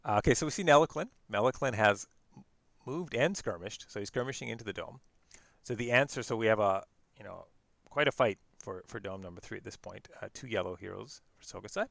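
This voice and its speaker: Low gravelly man commentating casually. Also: a little fast, no room sound. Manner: relaxed, laughs easily, self-correcting. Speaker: game commentator.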